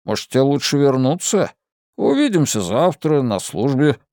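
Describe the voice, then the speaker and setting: A man's voice: mid-range voice, sing-song, moderate pace, darkish tone, no room sound, studio quality. A man voicing a good-natured police chief in an audiobook who avoids conflict and talks in a soothing way.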